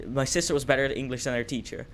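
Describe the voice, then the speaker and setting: A man's voice: medium pitch, steady tone, very fast, a bit bright, a little hiss or hum. A teenage man from the Netherlands with a Dutch accent, chatting casually in English with many hesitations and restarts. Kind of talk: casual chat.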